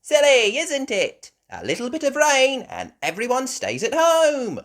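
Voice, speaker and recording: A woman's voice: high-pitched, wildly swooping pitch, measured pace, voice pushed up, heavily acted. A woman voicing a good-natured female rabbit shopkeeper in a storybook, chatty and sing-song.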